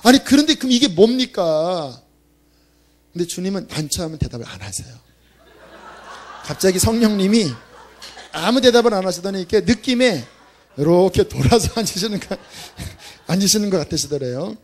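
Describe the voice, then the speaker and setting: A man's voice: high voice, lively intonation, moderate pace, long pauses, slight background noise. A male pastor preaching a sermon at a church service, telling a story in a conversational, emphatic way.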